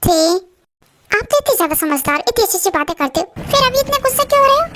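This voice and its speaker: A woman playing a very high-voiced coaxing young wife. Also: expressive, quick pace, noisy background. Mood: pleading. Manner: coaxing, pleading. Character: young devoted wife, a college student. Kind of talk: amateur voice-over drama.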